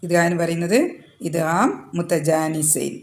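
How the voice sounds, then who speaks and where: Woman teaching tajweed, slow chanted recitation. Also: lowish voice, level tone, darkish tone. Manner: explains step by step, asks and answers own questions. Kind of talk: tajweed lesson.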